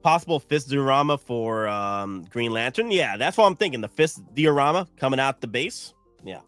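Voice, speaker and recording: This sleep-deprived Southern American man in his thirties talks loosely to his live-stream viewers, wandering off with restarts and asides. He sounds expressive at a moderate pace, medium-pitched and fairly bright, over a dry recording with faint music behind him.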